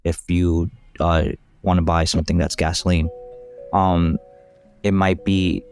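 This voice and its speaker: A man's voice: low voice, flat delivery, a little slow, darkish tone, soft background music. A man chatting easily on a podcast, chuckling between thoughts. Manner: easygoing, laughs often. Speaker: podcast co-host. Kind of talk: casual podcast chat.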